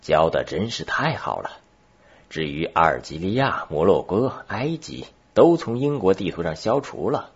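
A deep-voiced man playing an ironic, excitable male geographer in an audiobook, his low husky voice swooping wide with sarcasm on a dull, lo-fi recording. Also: moderate pace, full character voice. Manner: sarcastic, increasingly agitated questioning. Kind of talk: audiobook character reading.

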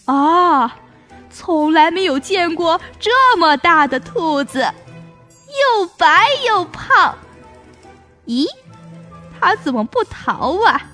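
A woman voicing a greedy, gullible male tiger in a children's story, with loud blustering exclamations. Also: extremely high pitch, expressive, slow, pauses often, faint music behind, heavily acted. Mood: puzzled.

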